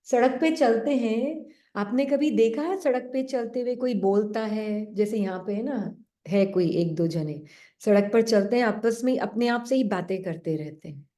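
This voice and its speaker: A woman giving a gentle spiritual talk to an online class, asking her listeners questions and dropping into a low voice to act out the doubting mind. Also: a little slow. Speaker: spiritual teacher.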